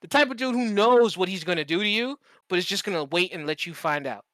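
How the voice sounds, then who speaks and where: This casual podcast chat features a man telling animated stories emphatically and profanely, with phrases repeated for effect. His voice sits high, is expressive and a bit bright, and he talks fast.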